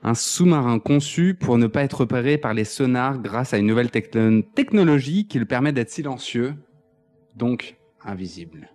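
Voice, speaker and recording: A man in a mid-range voice walks through a film plot in a rambling, loose way, restarting his sentences. He drops deadpan jokes along the way. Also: medium pitch, normal speed, faint music behind. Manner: joking, deadpan asides, rambling explanations. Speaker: podcast co-host. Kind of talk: casual film chat, partly read from notes.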